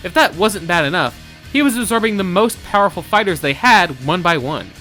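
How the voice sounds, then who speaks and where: A man's voice: high-pitched, animated, fairly quick, bright, forceful tone. A man delivering scripted narration for a versus show in a dramatic, theatrical storytelling manner. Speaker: show co-host. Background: faint background music.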